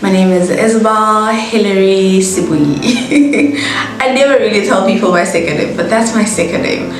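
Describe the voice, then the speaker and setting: This chatty South African vlogger in her twenties speaks at a medium pitch and moderate pace, tossing in bubbly asides and laughing at herself during a casual get-to-know-me video. Music plays in the background of a very echoey room.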